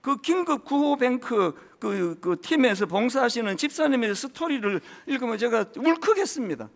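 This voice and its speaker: A man's voice: very high voice, lively intonation, normal speed. A man in his fifties, a senior pastor giving a conversational sermon, telling stories and speaking straight to the congregation. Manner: chatty storytelling, addresses congregation directly. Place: church service.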